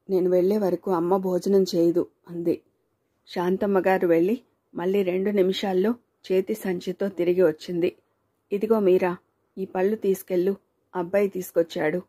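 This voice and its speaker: A woman's voice: fairly low pitch, warm tone, breathy edge. A woman narrating a story aloud, reading the dialogue of its characters.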